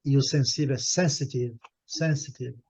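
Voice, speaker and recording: A middle-aged Brazilian man with a Brazilian Portuguese accent, teaching a group English lesson and repeating English words slowly for his students. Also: medium pitch, steady tone, a little mellow, slightly rough.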